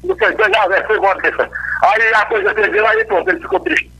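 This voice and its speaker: A man's voice: sits high, very animated, a little fast, gravelly, sharp tone. A man from Northeast Brazil, calling in to a radio show over a crackly cordless phone line and rambling through greetings to his friends. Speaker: radio call-in listener. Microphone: telephone.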